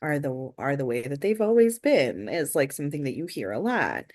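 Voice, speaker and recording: A woman in a casual discussion, talking earnestly and haltingly as she thinks aloud, in the manner of a co-host on a review show. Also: sits low, big pitch swings, darkish tone.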